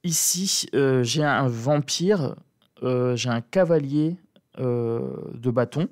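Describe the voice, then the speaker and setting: A man with a soft, sleepy morning voice, thinking aloud in casual commentary as he reads tarot cards, repeating points for emphasis. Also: mid-range voice, takes it slowly, no echo, clean studio sound. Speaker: tarot reader commenting on politics. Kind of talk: casual spoken commentary during a card reading.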